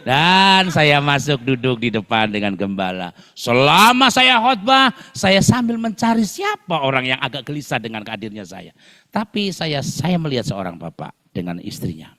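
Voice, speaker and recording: A man's voice: mid-range voice, bright, forceful tone. A man preaching a sermon as a pastor, telling a personal story with sound effects and chuckles. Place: worship hall. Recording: long hall reverb.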